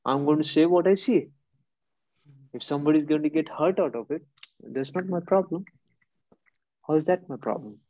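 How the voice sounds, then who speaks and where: A man's voice: a little high, normal speed, long pauses, no echo. Blunt man telling a story, laughing. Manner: blunt, laughing, acts out both sides of an argument. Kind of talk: casual storytelling. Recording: dull lo-fi close recording.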